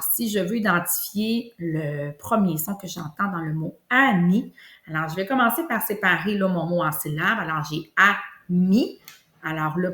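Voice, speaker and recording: A woman with a Québécois French accent, teaching a kindergarten lesson and slowly stretching out sounds for young children. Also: lowish voice, fairly bright tone. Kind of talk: classroom lesson video. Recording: echoey room.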